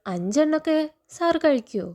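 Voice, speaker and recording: A woman reading the lines of a timid young woman from an orphanage, in a soft, hesitant way. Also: sits high, very animated, moderate pace, pitched above the performer's own voice.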